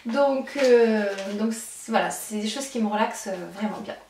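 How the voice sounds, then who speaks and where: A woman's voice: a little high, normal speed, noisy background. A young adult woman chatting casually through a shopping haul, with many fillers and restarts. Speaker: beauty vlogger. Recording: echoey room, mic at a distance.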